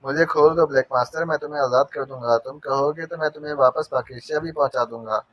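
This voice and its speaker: A man's voice: fairly high pitch, steady tone, quick pace, dry recording, natural voice. A man voicing a captured male villain who stammers and makes threats, in an audio novel. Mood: angry. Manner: stammering, demanding. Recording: dull dry narration recording.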